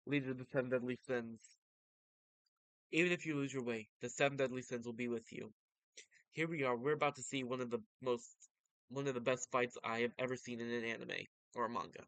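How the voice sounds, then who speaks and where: Smooth-voiced man giving casual manga commentary. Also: medium pitch, fairly bright tone, no room sound, rough recording. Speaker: vtuber reading and commenting on manga.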